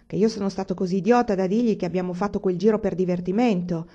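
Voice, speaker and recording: A woman's voice: mid-range voice, steady tone, quick pace, dark tone, lightly acted. A woman voicing a cheerful, plain-spoken young frontier man, in an audiobook reading. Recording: dull lo-fi recording.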